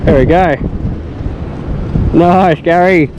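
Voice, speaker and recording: A man's voice: fairly high pitch, takes it slowly, highs cut off, background noise. An Australian man chatting casually and encouragingly in laid-back slang as he hosts a family fishing vlog out on a boat. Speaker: host, father on a family fishing trip. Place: outdoors on a small boat.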